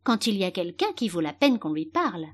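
A woman's voice: fairly low pitch, very animated, a little fast. A woman voicing a proud, bossy talking tiger-lily flower that scolds and commands. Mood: haughty.

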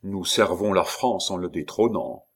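A man's voice: deep voice, a little slow, slightly rough. A man voicing a scheming duke who gives curt, cold commands. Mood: dismissive.

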